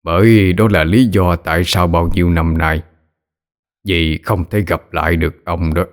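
A man voicing a calm son in an audio horror story, explaining gently. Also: deep voice, measured pace.

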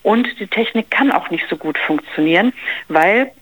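A woman speech therapist calmly explaining things in an interview, using everyday examples. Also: mid-range voice, normal speed, rough recording. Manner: calm, explanatory, uses examples.

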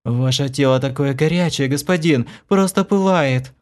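A man's voice: medium pitch, normal speed, darkish tone, voice pushed up, close to an everyday voice. A man doing a purring enchanted maid. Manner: purring, coaxing.

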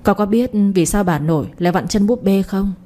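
A woman's voice: medium pitch, expressive, fairly quick, warm tone, natural voice. A woman voicing a scheming old grandmother with a scornful, cutting way of talking. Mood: coaxing. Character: scheming old grandmother, sharp-tongued and cruel.

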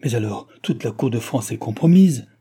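A man's voice: lowish voice, normal speed, mellow, husky. A man voicing a proud, outraged noblewoman, a duchess, speaking in an indignant, pleading and emphatic way.

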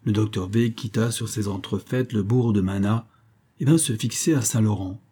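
A man narrating a novel as an audiobook in a measured, even reading. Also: fairly low pitch, slightly rough.

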